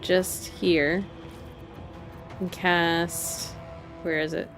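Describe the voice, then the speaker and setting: Woman gamer, lowish voice, unhurried live-stream play-by-play, frequent laughs. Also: flat delivery, fairly bright tone, soft background music. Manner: chatty, laughs often, thinks aloud. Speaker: streamer playing a video game. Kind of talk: casual live gameplay commentary.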